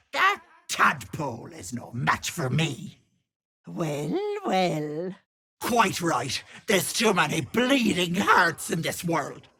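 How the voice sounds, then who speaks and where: A husky, low-voiced old hag, purring sugary endearments that curdle into sly menace. She drawls slowly and swoops widely up and down in pitch, like a cruel game villain playing the kindly auntie. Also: fairly bright tone, exaggerated voice. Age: older. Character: wicked old hag posing as a sweet auntie. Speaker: game character. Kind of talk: video game voice acting.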